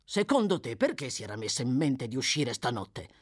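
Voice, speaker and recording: Reader doing a low gruff thug, blunt and grumbly, audiobook voice. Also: very animated, fairly quick, no echo, studio quality. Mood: grumbling. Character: rough brutal male thief, gruff and short-tempered. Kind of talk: audiobook character voice.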